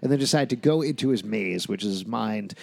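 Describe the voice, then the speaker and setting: A man's voice: fairly low pitch, animated, brisk, gravelly, a little mellow, no room sound. A man hosting a casual podcast chat about a TV show, recapping the plot and joking around. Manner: leads the talk, recaps plot, jokes around. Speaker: podcast host.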